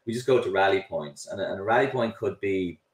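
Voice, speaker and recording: Talking fast with a low voice and lively intonation, the middle-aged Irish founder of a drone delivery company explains what he does during a video call interview. He often restarts and repeats himself, and the webcam and computer mic audio sounds roomy and a bit distant.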